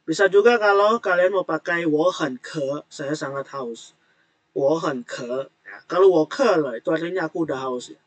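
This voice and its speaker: A Mandarin teacher leads an online language class, patiently explaining words and tones and repeating them slowly. His voice is fairly high.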